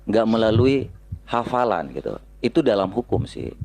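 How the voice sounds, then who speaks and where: A man in an online debate, reasoning in a measured, calm way. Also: fairly low pitch, gravelly.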